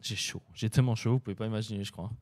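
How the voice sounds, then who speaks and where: A man's voice: on the low side, fairly even intonation, very fast, darkish tone. A man hosting a casual live-coding stream, chatting with viewers and muttering to himself as he works. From French-speaking. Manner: chatty, talks to chat while coding, hums and mutters. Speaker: livestream host.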